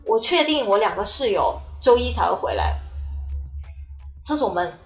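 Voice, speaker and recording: A woman in a casual podcast chat, telling a story in an animated, rushed way full of restarts. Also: mid-range voice, soft background music. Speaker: podcast guest.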